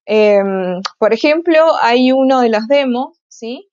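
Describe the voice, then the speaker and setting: A woman's voice: a little high, animated, slow, a little mellow, clean tone, dry recording, lo-fi sound. A woman giving an online tech conference talk, hesitant, with frequent filler sounds and restarts. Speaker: conference speaker.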